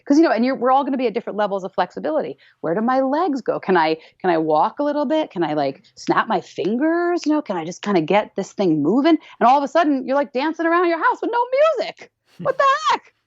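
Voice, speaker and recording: A woman dance teacher talking in a podcast interview, animated and playful, acting out little voices and laughing often. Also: a little high, fast, hardly any pauses, no room sound. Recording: dull lo-fi sound.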